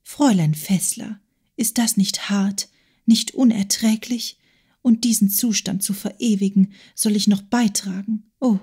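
A woman voicing a fragile, clinging young woman in an audiobook, speaking in a soft, breathy half-whisper. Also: medium pitch, moderate pace, close to an everyday voice. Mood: plaintive. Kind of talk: audiobook character voice.

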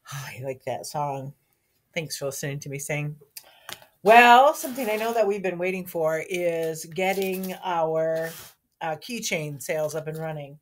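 A woman with a slightly low, hoarse morning voice reads the school morning announcements to a camera. She talks in a friendly, chatty way aimed at young children. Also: a little slow. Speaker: school staff member giving announcements. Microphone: speaking to a camera.

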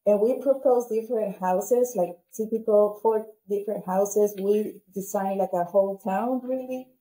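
A woman's voice: mid-range voice, warm tone, poor audio. A woman in her forties from Peru with a Peruvian Spanish accent, explaining her architecture work earnestly over a video call, talking through an earphone mic at home. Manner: earnest, explains with pauses and restarts. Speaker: guest architect. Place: home room, indoors. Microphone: wired earphone mic.

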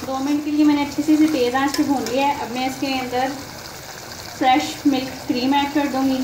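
A woman hosting a cooking channel, calmly narrating a recipe step by step as she cooks in a home kitchen. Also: high voice, fairly quick. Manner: calm, methodical, walks through each step. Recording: echoey kitchen with background noise.

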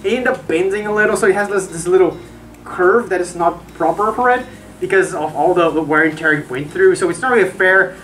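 A woman's voice: fairly low pitch, fairly quick, far from the mic. A woman from Brazil, speaking from inside a fursuit head, chatting casually through a review with lots of fillers and repeated words.

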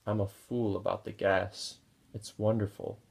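A man voicing a tired woman in labor who stays cheerful, her voice strained, weary and apologetic, with a low flat gravelly tone. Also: a little slow. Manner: weary but affectionate, apologetic.

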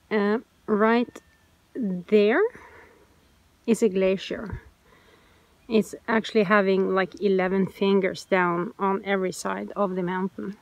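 This sailing vlogger is a woman in her forties from Norway, speaking with a Norwegian accent outdoors on a sailboat at sea. She narrates casually, pointing out sights as she explains. Her voice sits at medium pitch, with no room sound.

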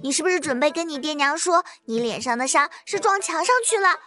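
A woman's voice: high voice, sing-song, a little fast, pushed and bright, heavily acted. A woman voicing a bossy, fierce little girl who scolds indignantly in an audio drama.

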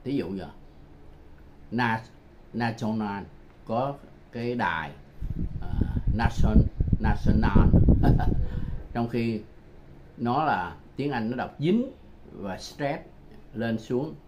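A man's voice: medium pitch, expressive, slow, pauses often. An older man gives a home-made language lesson, patiently repeating phrases to drill pronunciation. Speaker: language teacher. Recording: muffled home recording with background noise.

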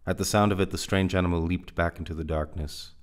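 Deep-voiced male narrator for a dramatic reading of an adventure novel. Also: fairly even intonation, quick pace. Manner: vivid storyteller narration. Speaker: reader.

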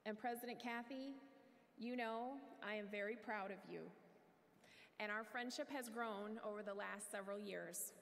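A middle-aged woman warmly reading a welcome speech at a convention podium, pausing between phrases. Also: medium pitch, fairly even intonation, vocal fry. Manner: warm, measured reading with pauses. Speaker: welcome speaker. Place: large convention hall stage. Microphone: podium microphone. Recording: long hall reverb, faint crowd noise.

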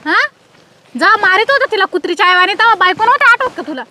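Woman as a shrill, bright-voiced police madam, domineering and scolding, comedy skit. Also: lively intonation, full character voice. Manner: scolding, domineering, rapid-fire questions. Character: strict bossy female police officer, middle-aged.

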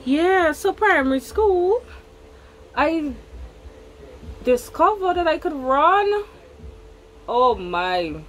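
A woman's voice: high-pitched, very animated, very slow, pauses often, a bit bright, slight background noise, low-quality recording. A young woman with a Guyanese Creole accent tells a personal story in casual chat, repeating words for emphasis. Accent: Guyanese Creole English. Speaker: vlogger.

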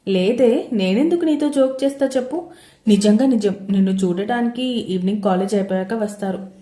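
A woman's voice: medium pitch, fairly quick, warm tone, natural voice. Woman reading a teasing husband, stifled laugh, echoey. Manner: teasing, holding back laughter.

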